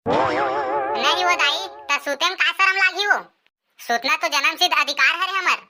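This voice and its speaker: An actor doing a whiny, cheeky Chhattisgarhi village lad, very high and bright. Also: male voice, sing-song, a little slow, full character voice. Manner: whiny, talks back. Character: lazy young village son, cheeky and sulky.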